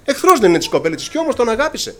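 A man's voice: very high voice, sing-song, sharp tone. A man preaching a sermon to his congregation, impassioned, often calling them brothers and acting out scripture dialogue.

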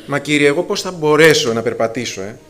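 Male preacher, slightly high voice, fervent, halting with fillers and restarts. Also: lively intonation, fairly bright tone. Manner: addresses listeners as brothers, rising to fervent emphasis; many filler sounds and restarts. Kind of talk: sermon to a congregation.

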